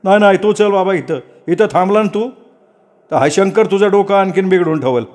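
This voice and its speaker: A man voicing an impatient, bossy village man who hurries others along loudly. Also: high-pitched, brisk, voice pushed up, natural voice. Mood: urging. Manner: hurrying, bossy, loud. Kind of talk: dramatic storytelling.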